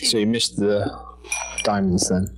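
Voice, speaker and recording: A man in a casual gaming chat, talking haltingly with many fillers. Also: on the low side, flat delivery, noisy background. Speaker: guest player.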